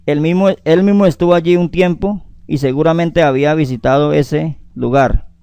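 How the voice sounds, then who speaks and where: A man's voice: a little high, moderate pace, dark tone, smooth, no echo. A man preaching a sermon on the weekly Torah portion, calling his listeners beloved, interjecting hallelujah often and citing chapter and verse at length.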